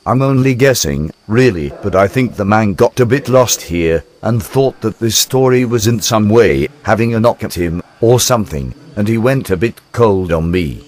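A man's voice: fairly low pitch, animated, normal speed, few pauses, a little mellow. An older man, narrating his travel video in a chatty, wry, self-deprecating way.

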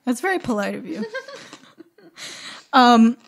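A woman's voice: a little high, very animated, slow, a little hiss or hum. A woman co-hosting a book club podcast, chatting casually and bluntly, swearing freely and laughing between points. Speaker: podcast co-host.

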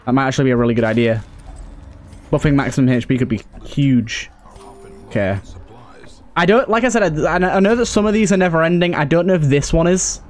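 A man with a slightly high voice and lively intonation gives casual let's play commentary, fairly quick but pausing often. He thinks out loud and tends to repeat phrases. Game ambience and effects are clearly heard in the background.

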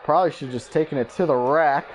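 High-voiced man calling basketball play-by-play. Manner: excitable, voice jumps up on big plays; brisk clipped call of each play. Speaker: YouTube gaming creator. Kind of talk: mock play-by-play basketball commentary.

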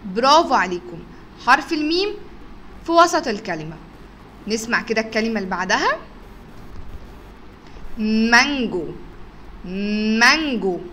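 A woman with an Egyptian Arabic accent, teaching a phonics lesson to young children. She stretches words out slowly to sound out letters and praises the class often. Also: on the high side, animated, pushed and bright, slight background noise. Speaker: kindergarten teacher.

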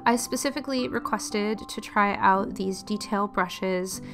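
A woman chats her way through an art supply review, her voice a little raspy as she gets over a cold. She talks in a loose, meandering way with small laughs and asides, at a middling pitch. Faint music plays underneath. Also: measured pace, a bit bright. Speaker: art channel host. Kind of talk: casual product review vlog.

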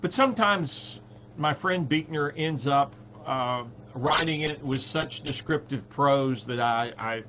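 A man leading a church Bible study, talking it through in a halting, conversational way with many fillers and restarts. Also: fairly high pitch, sharp tone. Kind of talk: slow conversational Bible teaching. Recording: dull lo-fi recording with faint hum.

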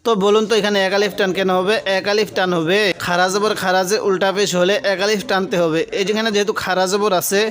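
A man with a high, light voice leads a Quran reading lesson. He spells out each letter slowly, then chants the joined syllables with long drawn vowels. Between the readings he explains the rules patiently and puts questions to the viewer. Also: level tone, fairly bright tone.

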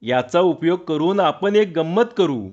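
A man's voice: on the high side, animated, measured pace, darkish tone, dull audio. A man voicing a mischievous young male prankster friend in a storybook reading, with a sly, teasing manner.

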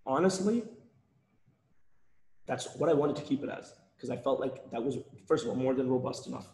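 A man with a mid-range, slightly mellow voice presents on a casual live webinar while losing his voice, rambling with frequent restarts and repeated words. The recording is roomy and echoey, with a little hiss or hum.

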